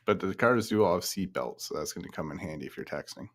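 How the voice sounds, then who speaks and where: A man's voice: sits low, lively intonation, fast, no echo, studio quality. A man on a livestream answering questions about his game, explaining things in an easygoing way with lots of "you know". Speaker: game developer. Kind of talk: casual livestream Q&A.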